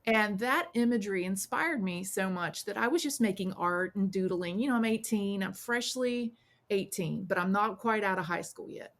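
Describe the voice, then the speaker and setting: A woman in her forties talks through a long personal story in a relaxed interview. She tells it with energy and gives the people she quotes their own voices, with big jumps in pitch. Her own voice sits at a middle pitch. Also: normal speed. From South Carolina, US. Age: 40s. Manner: animated storyteller who acts out quoted voices. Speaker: podcast guest, witch and priestess.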